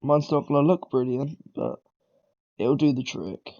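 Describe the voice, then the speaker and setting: This man's mid-range, dark voice has lively intonation and a measured pace, heard on a muffled recording. While battling a cold, he casually narrates a beginner coding tutorial, wandering off, fixing his own slips, and saying um and clearing his throat frequently.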